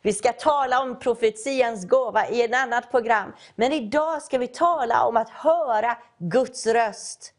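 A woman preacher, giving a sermon and telling a Bible story, acting out its characters' voices. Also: sits high. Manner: acts out story voices, calling out.

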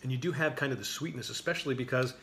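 A man hosting a show, chatting in a relaxed, rambling way over a dinner table, often restarting his sentences. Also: mid-range voice, racing, slight background noise. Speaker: show host. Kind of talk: casual chat over a dinner. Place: dining table indoors.

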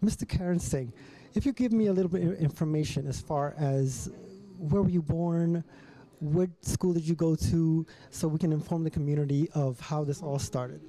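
A man's voice: on the high side, normal speed, dark tone, low-quality recording. A man hosting on-site interviews and asking questions in a friendly, upbeat way. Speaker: host.

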